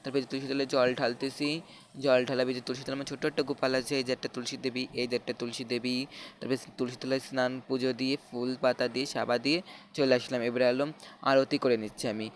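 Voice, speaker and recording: A man narrating a home worship ritual step by step for his channel viewers. He talks in a halting way, repeats himself often and keeps inviting his viewers to watch. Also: medium pitch, flat delivery, slight background noise. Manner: halting, repetitive explanations with frequent restarts and fillers. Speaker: channel host. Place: home prayer room.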